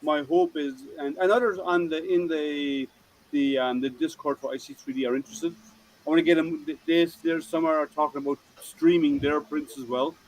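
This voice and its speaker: A man's voice: on the high side, steady tone, normal speed, slight background noise, rough recording. A man hosting a casual livestream hangout, chatty and rambling, often restarting his sentences as he greets viewers. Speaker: host.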